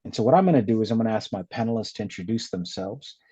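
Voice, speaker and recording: Relaxed male moderator, warm low tone, muffled online call sound. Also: racing, breathy edge, no echo. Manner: friendly, filler-laden moderating. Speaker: webinar host, consultant. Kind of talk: hosting a webinar panel. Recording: dull lo-fi webinar audio.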